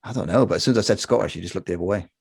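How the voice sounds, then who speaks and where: Fast-talking English man, deep and gravelly. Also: a little mellow, no echo, studio quality. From England. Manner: rapid, joking storyteller. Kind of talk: casual chat.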